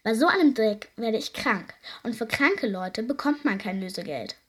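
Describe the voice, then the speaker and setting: A woman reading a storybook voices a bossy, cunning young woman who orders her captors around in a bright, insistent way. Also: fairly high pitch, animated, moderate pace, slightly rough.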